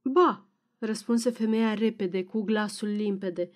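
A woman reading an audiobook in scripted narration, measured and expressive. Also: on the high side.

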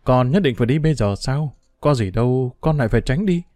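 A kind, fatherly old innkeeper, as a male narrator puts him on in a spoken storybook, talking softly and gently. The voice is mellow and dark, its pitch moving freely. It sounds close and dry. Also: expressive, fairly quick, no room sound, natural voice. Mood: gentle. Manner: soft, gentle speech.

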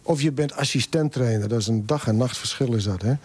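A man's voice: mid-range voice, fairly quick, breathy edge, no room sound. A man in his sixties, an assistant football coach, talking casually and thoughtfully in a radio interview. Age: 60s. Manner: relaxed, thoughtful, frequent hesitations.

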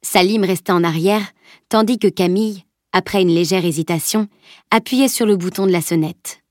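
A woman narrating an audiobook in a calm, steady storytelling voice at a middle pitch. The recording is dry and close, with no room sound at all. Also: normal speed, dry recording. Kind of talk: scripted narration.

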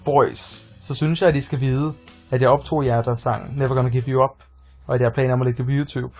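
A man's voice: mid-range voice, fairly even intonation, darkish tone, soft background music, lightly acted. A man voicing a sly, grinning male demon in a put-on Scottish accent.

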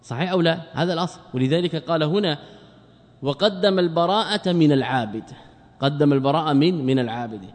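In a large hall, a man with a fairly high pitch teaches a religious text as a sheikh. He speaks quickly, asking the students questions only to answer them himself.

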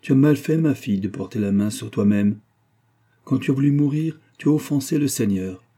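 A man's voice: medium pitch, expressive, a little fast, warm tone, breathy edge, voice pushed up. A man voicing a stern, pious old nurse. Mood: solemn.

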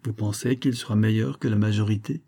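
A man's voice: on the low side, steady tone, brisk, vocal fry, dark tone. Man voicing a weary, spiteful lady. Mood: impatient. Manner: weary, sardonic, impatient. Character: bored, spiteful married woman with a cruel streak.

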